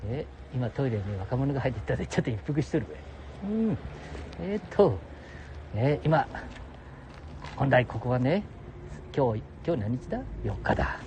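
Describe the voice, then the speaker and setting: Gruff older man, heavy ramble. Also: mid-range voice, darkish tone, a little hiss or hum. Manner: gruff, jokey, talks to listeners as "お前". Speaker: solo audio show host. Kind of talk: rambling casual monologue. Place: outdoors beside a public toilet.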